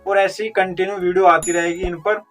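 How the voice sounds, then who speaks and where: A high-voiced man teaching vocabulary with memory tricks, working through each word step by step and answering his own questions. He sounds set back from the microphone, and faint music plays underneath. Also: little pitch movement, brisk, fairly bright tone. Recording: distant mic with faint music.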